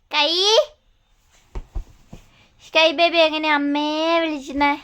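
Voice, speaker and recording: A woman's voice: high voice, flat delivery, takes it slowly, bright, forceful tone. A young mother filming a family vlog, coaxing her toddler in sing-song baby talk.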